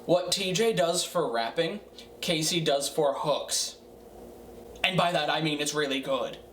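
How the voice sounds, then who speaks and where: A man's voice: a little high, fairly bright tone. Tipsy, rambling man on a distant mic. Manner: tipsy, rambling drunken delivery with halting, repeated phrases. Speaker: amateur music reviewer. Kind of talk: casual, profane video review. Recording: roomy, distant mic, faint noise.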